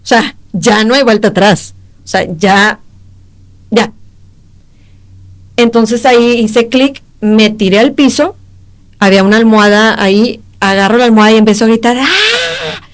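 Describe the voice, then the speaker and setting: A young woman with a Mexican accent, a podcast guest giving an emotional personal testimony in halting speech, acting out the exchanges she recalls. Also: fairly high pitch, fairly even intonation. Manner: emotional, halting retelling that acts out quoted exchanges.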